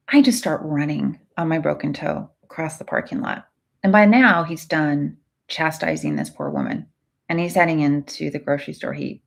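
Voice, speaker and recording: A woman's voice: low-pitched, vocal fry. A woman hypnotherapist hosting a live stream, chatting casually and earnestly with viewers and telling a story.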